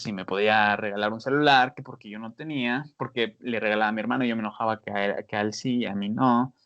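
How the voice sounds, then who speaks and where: A man giving casual advice on a podcast, animated, with many fillers. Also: mid-range voice. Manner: animated, many fillers, acts out scolding voices. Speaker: podcast panelist. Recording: dull lo-fi sound.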